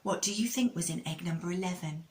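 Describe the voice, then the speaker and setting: A woman speaking as a kids show host, telling a children's story with a religious lesson in an expressive way and addressing young listeners directly. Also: lowish voice, quick pace.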